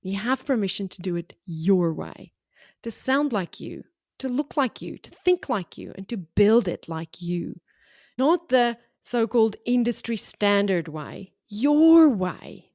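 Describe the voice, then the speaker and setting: This middle-aged woman from South Africa, with an accent that's part South African and part Australian, coaches business owners through a solo podcast. Her mid-range voice swings widely in pitch, moving a little slowly and sounding slightly mellow, while her delivery stays frank, encouraging and punchy. It's a dry, clean studio recording.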